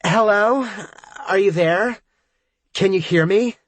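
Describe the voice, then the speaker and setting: A man voicing a drunk young woman who yells, slurs and whines over the phone from a bar. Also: on the high side, very animated, slow, no echo, voice pushed up, heavily acted. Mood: yelling drunkenly. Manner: slurred, pleading, whiny yelling.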